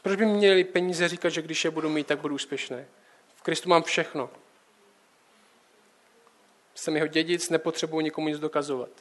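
Young guy with a high voice doing a chill sermon, keeps asking the listener questions. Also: steady tone, pauses often, fairly bright tone. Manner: conversational, direct address with rhetorical questions. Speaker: preacher.

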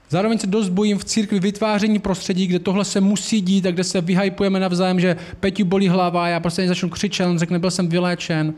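Male preacher with a high voice, earnest and conversational, posing questions to the congregation. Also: a little mellow. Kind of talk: sermon.

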